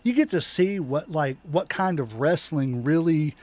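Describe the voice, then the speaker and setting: A man's voice: fairly high pitch, lively intonation, measured pace, darkish tone, no echo. A man hosting a podcast, chatting casually and loosely with a guest. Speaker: podcast host. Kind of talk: casual interview chat.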